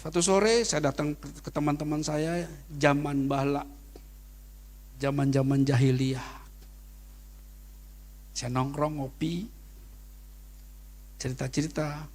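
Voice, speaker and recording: A middle-aged man preaching a sermon as pastor, telling personal stories in casual slang and rising to sudden loud peaks. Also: on the high side, fairly even intonation, slow, long pauses. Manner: casual Jakarta slang in anecdotes.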